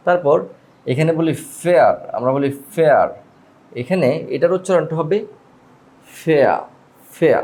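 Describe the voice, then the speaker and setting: A man's voice: a little high, dark tone. A man teaching English pronunciation, repeating each word and quizzing the listener. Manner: repeats each word slowly, asking the viewer back. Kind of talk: spoken language lesson.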